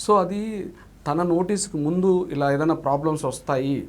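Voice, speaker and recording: Male actor guest, earnest and polite, higher-pitched, keeps restarting his lines. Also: normal speed, a little mellow. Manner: earnest, calls the host "sir" constantly, frequent restarts. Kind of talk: casual interview talk.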